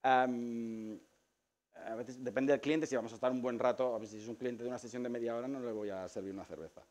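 Casting: Catalan-man, relaxed, rambling photographer giving a studio tour. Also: mid-range voice, brisk. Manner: relaxed, rambling, many fillers and restarts; animated storytelling with acted quotes. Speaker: photographer showing his studio. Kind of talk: casual explanatory tour.

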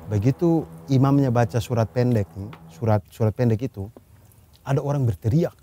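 A man's voice: medium pitch, normal speed, mellow, a little hiss or hum. An Indonesian man in casual podcast chat, telling a firsthand story earnestly and acting out a scream he heard.

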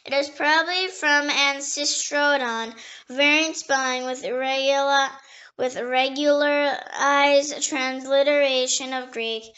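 A woman with a high, bright voice reads dictionary entries aloud at a slow, careful pace. She spells each headword letter by letter and now and then trips over a word and starts it again. The recording sounds dull and lo-fi. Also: steady tone. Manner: slow, careful reading, spelling words letter by letter, with small slips and restarts. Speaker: dictionary reader.

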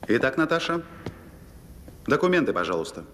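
A man's voice: mid-range voice, very animated, brisk, fairly bright tone, a little hiss or hum. A man playing a middle-aged military security officer in a film, formally courteous, dry and insistent. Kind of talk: film acting.

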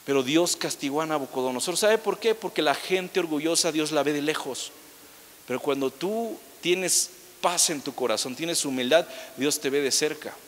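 Chatty young pastor in an echoey hall. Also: male voice, fairly high pitch, a bit bright. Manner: conversational preaching with humorous asides, acting out quoted people. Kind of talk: sermon. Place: church hall.

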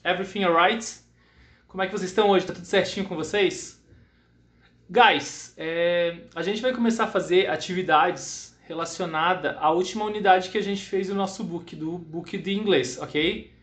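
A man's voice: high-pitched, normal speed, fairly bright tone. A young Brazilian man teaching English to children, reassuring and mixing English with Portuguese, drilling words for the class to repeat. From western Santa Catarina, Brazil. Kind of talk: online English lesson for children. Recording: echoey room.

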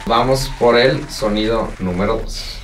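A man's voice: fairly low pitch, a little slow, heavy background noise. A young man with a Mexican Spanish accent hosting a sound-guessing quiz among friends, teasing the players and announcing results with gusto. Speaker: quiz host. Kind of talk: playful game-show hosting.

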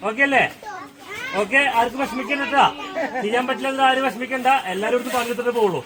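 A man's very high-pitched voice comes fast as he guides schoolchildren around a farm, turning the outdoor lesson into a playful quiz. Loud children's chatter and outdoor noise force him to raise his voice.

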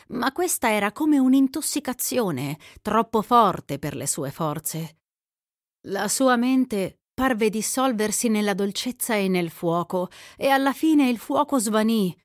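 A woman narrating a literary story in a calm, measured, expressive reading, recorded in a studio. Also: medium pitch, dry recording. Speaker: audiobook narrator.

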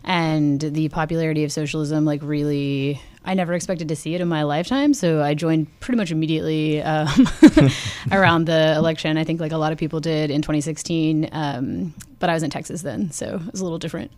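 A woman's voice: low-pitched, fairly even intonation, brisk, darkish tone, no echo. A woman speaking as an invited guest on a radio interview, earnest and conversational. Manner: earnest, conversational, laughs easily. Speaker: guest, newly elected organization leader.

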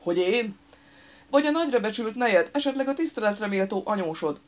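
A woman's voice: mid-range voice, lively intonation, pitched above the performer's own voice, lightly acted. A woman voicing an enraged male driver who bellows his threats. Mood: furious. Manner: bellowing, shouting. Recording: dull lo-fi recording.

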